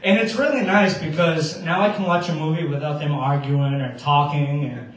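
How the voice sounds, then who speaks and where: A man in his thirties does open mic stand-up with audible stage fright, hesitant and halting. His voice sits a little high. It comes through from a distance in an echoey room with faint noise. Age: 30s. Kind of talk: stand-up comedy.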